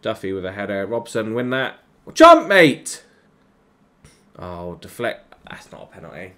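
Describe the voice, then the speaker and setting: Male gamer, lower voice, live reaction commentary, swears and rants at his players. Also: brisk. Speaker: gaming YouTuber. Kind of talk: live reaction commentary over a football management game.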